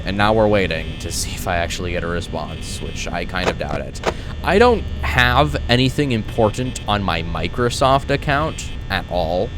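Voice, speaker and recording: A young adult man giving casual, rambling commentary as he hosts a gaming video, telling stories in an exasperated way and acting out exchanges. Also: low-pitched. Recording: clearly noisy, steady background hum.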